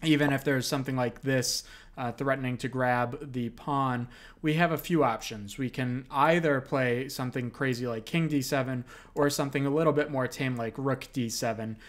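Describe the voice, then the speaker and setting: A male chess commentator at a middling pitch talks through variations at an unhurried, explanatory clip. He breaks the analysis with small fillers as he goes. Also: steady tone. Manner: explains moves steadily with frequent fillers.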